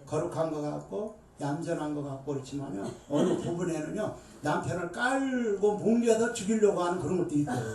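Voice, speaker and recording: A middle-aged woman, a seminary dean, preaching a Bible lecture with emphatic, animated delivery to an audience. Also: on the low side, a little fast, hardly any pauses, slight background noise. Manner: emphatic, animated, with bursts of shouting and laughter. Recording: echoey room, voice far from mic.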